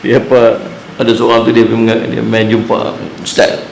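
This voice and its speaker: A man's voice: medium pitch, monotone, brisk, creaky. A man gives a religious lecture to a live audience. He mixes humorous storytelling with recited Arabic verses. The sound carries in an echoey room. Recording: echoey room, faint ambient noise.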